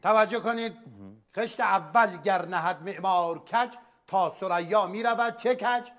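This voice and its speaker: Annoyed quiz host guy, high voice, keeps scolding the players. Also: a bit bright. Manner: exasperated, scolding. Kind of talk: comedy sketch acting.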